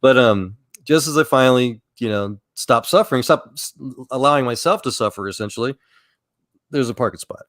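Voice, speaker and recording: A man's voice: mid-range voice, animated, fairly quick, fairly bright tone, dry recording. A man chatting casually about faith, telling rambling personal stories with many restarts and chuckles. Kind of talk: casual chat.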